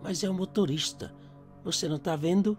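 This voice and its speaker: A man's voice: high-pitched, fairly quick, a little mellow, faint music behind, voice pushed up, lightly acted. A man voicing his terrified young male friend, who asks frantic, pleading questions. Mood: scared.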